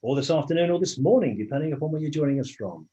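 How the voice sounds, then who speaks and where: Rapid-fire and animated, the slightly high, mellow voice belongs to an Englishman hosting an online meeting. He chats casually to welcome everyone as they arrive, often restarting his sentences, and the video call audio sounds muffled.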